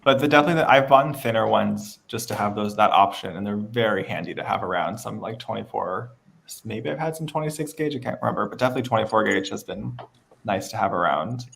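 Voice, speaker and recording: Gravelly man hosting a beading livestream. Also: on the low side, animated, quick pace, fairly bright tone. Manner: chatty, laughs often, reads viewer questions. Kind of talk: casual livestream chat. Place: West Coast of the United States.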